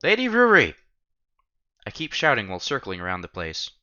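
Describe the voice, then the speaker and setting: A man streams a visual novel, reading it aloud dramatically and animatedly acting out the protagonist's lines while dropping casual asides. His voice is on the low side and brisk, the audio sounds dull, and soft game music plays behind him.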